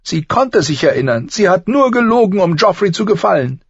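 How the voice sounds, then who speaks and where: A man voicing a tearful, fierce young girl who blames herself, speaking high and pleading through sobs. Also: sing-song, a little fast, husky, no echo, dull audio, full character voice. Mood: upset. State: crying.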